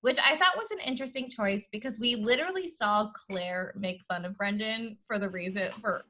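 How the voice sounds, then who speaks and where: An American woman hosting a podcast in casual, chatty recap style, with vocal fry and a Valley Girl delivery. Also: mid-range voice, normal speed, bright, forceful tone. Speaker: podcast host.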